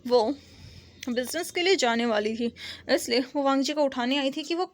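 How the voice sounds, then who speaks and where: A woman's voice: sits high, normal speed. A woman storyteller casually retelling a drama plot, chatty and mixing in English words, with frequent restarts.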